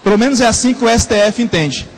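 Male teacher, very high voice, lecture style, repeats terms slowly, echoing room. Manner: repeats terms slowly for note-taking, asks the class questions. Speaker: Portuguese teacher. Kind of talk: classroom lecture.

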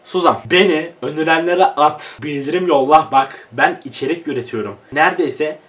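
A man's voice: fairly high pitch, moderate pace, a bit bright, distant mic. A young man on his own channel, ranting in frustration with lots of swearing and laughing asides. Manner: frustrated, swearing, half-joking rant. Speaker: YouTuber. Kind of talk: ranting vlog.

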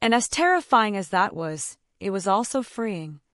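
A woman's voice: mid-range voice, very animated, moderate pace, fairly bright tone, dry recording, clean studio sound. Woman narrating a tense first-person story.

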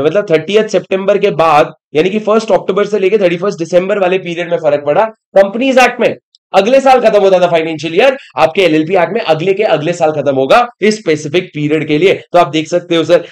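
Young guy teaching law online, high voice, quick energetic delivery, keeps quizzing the class. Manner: energetic teaching, mixing Hindi with English terms, quizzing students. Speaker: law lecturer for accounting exam students. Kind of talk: online revision lecture.

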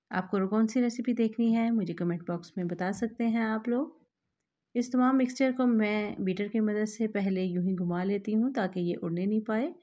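A woman host, calmly explaining a recipe step by step to her viewers in a voice-over. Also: mid-range voice. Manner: calm, instructive, addresses viewers directly. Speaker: cooking channel host.

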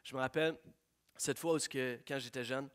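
A man preaching a sermon, swinging from hushed prayerful lines to loud, excited storytelling. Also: mid-range voice, fairly quick, clean tone. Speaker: pastor.

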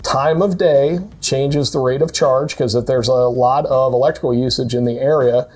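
A middle-aged man in a studio telling a road trip story in a relaxed, measured way. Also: medium pitch. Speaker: co-host. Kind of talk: casual studio conversation. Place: indoor studio with a car.

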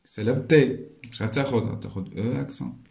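A man with a Moroccan accent teaching a recorded lesson, explaining step by step and slowly repeating each French word. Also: mid-range voice, gravelly, darkish tone, reverberant.

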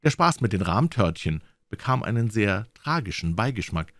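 A man reading a classic novel aloud as an audiobook reader, expressive and lively. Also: lowish voice, normal speed, no echo.

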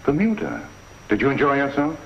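A cool, shrewd inspector. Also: male voice, mid-range voice, huge pitch swings, a little fast, vocal fry. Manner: cool, probing, dry understatement. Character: calm shrewd male police inspector. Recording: dull 1950s TV soundtrack, faint hiss.

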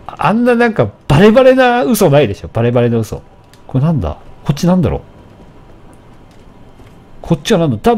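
A man narrating his own gameplay in a relaxed, chatty way that keeps swinging into loud taunts. His voice sits a little high and leaps up and down constantly. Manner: animated, taunts enemies, shouts at the game. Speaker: let's play commentator. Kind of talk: casual gameplay commentary.

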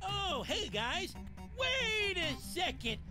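An actor voicing a small, shifty, defiant thieving mouse with a squeaky voice in a cartoon game. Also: male voice, sing-song, slow pace, music in the background, exaggerated voice. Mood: flustered.

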